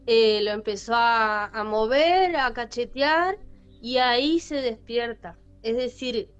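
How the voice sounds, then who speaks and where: A woman's voice: on the high side, slow pace, clean tone. A woman with a Rioplatense Spanish accent hosting a podcast, telling a story casually and animatedly, with many fillers and repetitions. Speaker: podcast host. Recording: lo-fi with faint music.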